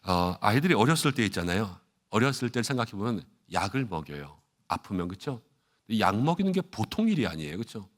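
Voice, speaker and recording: A middle-aged man, a senior pastor, giving an animated sermon at an early morning prayer service and acting out congregants' complaints along the way. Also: lowish voice, fairly quick.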